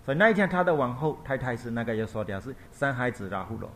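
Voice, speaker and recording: Male monk, dharma talk storytelling, mid-pitched, repetitive explanatory, trailing soft endings, faint background noise. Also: big pitch swings, quick pace. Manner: repetitive, explanatory, ends points with a quiet tag; hesitant, searching for words. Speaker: Buddhist monk teacher.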